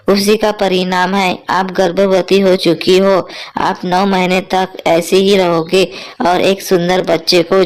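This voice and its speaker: A woman's voice: mid-range voice, close to an everyday voice. Woman doing a chatty young daughter-in-law.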